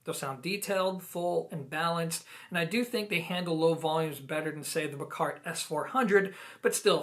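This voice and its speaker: With a slightly high, a bit bright voice, an audio gear reviewer hosts a video product review. Speaking to camera, he explains things conversationally and shares emphatic personal opinions with viewers.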